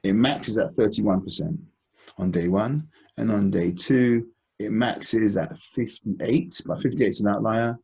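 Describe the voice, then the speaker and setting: Vocal fry colors the fairly low, darkish voice of a man hosting an investment call. He gives an informal analysis of stocks, speaking conversationally with a halting, deliberate delivery.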